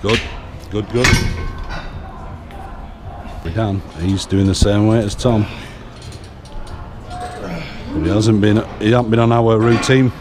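This gym coach from the north of England, filming a workout, barks short orders and counts reps in a large gym with music on. His voice is fairly low and even, slow and pausing often against a noisy background.

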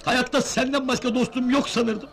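A man playing a hotheaded young townsman, shouting indignantly in old dubbed film dialogue. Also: very high voice, steady tone, normal speed, creaky. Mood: wounded. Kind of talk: 1970s post-synced film dialogue.

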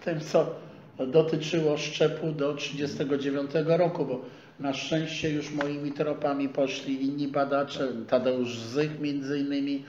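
Older prof talking, kinda high voice, echoey room, muffled far camera sound. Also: male voice, level tone, a little mellow. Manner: measured, scholarly, digressive. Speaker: lecturer. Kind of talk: academic lecture. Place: small lecture room with a projector screen. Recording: echoey room, dull sound, faint hiss.

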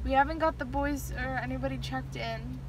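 A woman's voice: high-pitched, steady tone, brisk. A young woman vlogging from a car into a phone at arm's length, talking casually with lots of fillers and an exasperated tone. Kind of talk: casual vlog chat. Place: inside a car. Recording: car noise behind.

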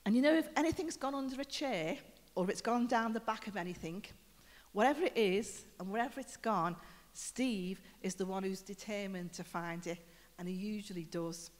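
A woman's voice: medium pitch, normal speed. A woman preaching a conversational sermon, telling stories and putting questions to the congregation. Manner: chatty storytelling with questions to the congregation. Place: church building. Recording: reverberant church hall.

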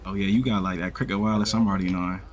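A man's voice: deep voice, fairly even intonation, rapid-fire, background noise. A man with a Baltimore accent in laid-back, slangy street talk, playing a flirty character in an online roleplay game over a headset mic.

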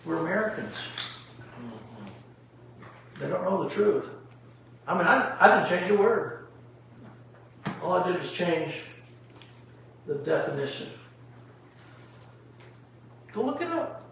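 A man's voice: high-pitched, expressive, takes it slowly, creaky, long pauses, fairly bright tone. A male pastor teaching a Bible study at home with emphatic rhetorical questions, recorded in an echoey room from a distance. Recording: echoey room from far off, faint noise.

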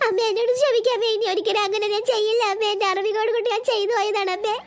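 A woman's voice: very high-pitched, steady tone, very fast. A woman voicing a remorseful young girl in a cartoon, pleading for forgiveness. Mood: contrite. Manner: pleading, contrite.

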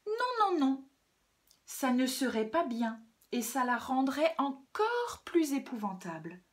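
A woman voicing a gentle, sly old grandmother in a children's storybook, talking softly and soothingly. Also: high-pitched, very animated, slow pace, voice pushed up, full character voice. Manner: soft and soothing.

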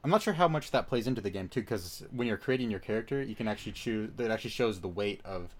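A man's voice: fairly low pitch, expressive, fast. A man giving casual, joking commentary while playing a video game. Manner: joking, chatty, reacts to the game. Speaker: gamer playing through a game.

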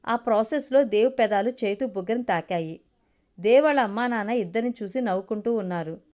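A woman narrating a family story for an audio storybook in a steady, measured reading. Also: fairly high pitch.

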